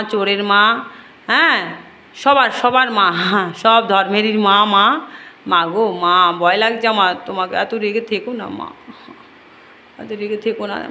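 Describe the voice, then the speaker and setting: A woman's voice: mid-range voice, pushed and bright. A woman talking earnestly and pleadingly to viewers in a devotional home video, with faint noise behind her. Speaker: home shrine devotee vlogger. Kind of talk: devotional home vlog talk.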